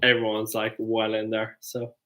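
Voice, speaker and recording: A tipsy young Irish man co-hosts a casual chat, talking loosely and jokingly with plenty of restarts as he rambles. His voice is fairly low and fairly bright, delivered completely flat at a moderate pace.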